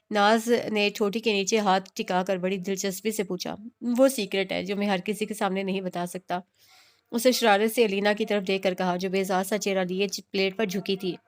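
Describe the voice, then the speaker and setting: A woman narrating a romance novel, reading all the characters' dialogue in a near-plain voice with small restarts. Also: medium pitch. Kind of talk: scripted audiobook narration.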